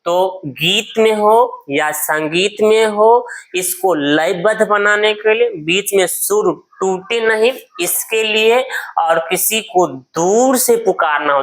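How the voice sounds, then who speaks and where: A man's voice: high voice, a bit bright. A male teacher giving a grammar lesson, asking questions and answering them himself, and drawing out vowel sounds as examples.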